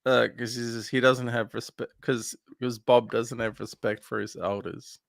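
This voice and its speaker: A man's voice: medium pitch, flat delivery, unhurried, creaky, no room sound. A man co-hosting a casual film podcast, recapping scenes in a rambling way with lots of fillers. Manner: rambling recap with many fillers, laughs easily. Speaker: podcast co-host.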